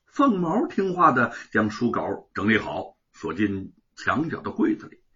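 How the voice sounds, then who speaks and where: A male storyteller narrating a traditional oral tale in a dramatic, animated way. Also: lowish voice, a little slow, slightly rough, dull audio.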